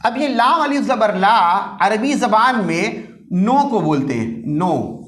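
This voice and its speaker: A man's voice: sits high, lively intonation, slow pace, a bit bright. A male recitation teacher giving a classroom lecture, repeating each rule and quizzing his students. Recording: roomy echo.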